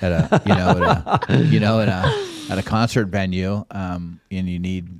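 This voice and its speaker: Deep-voiced man telling laid-back stories. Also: big pitch swings, normal speed, dry recording, clean studio sound. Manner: laid-back, rambling with many asides. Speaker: podcast guest, concierge business owner. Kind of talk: casual anecdotal storytelling.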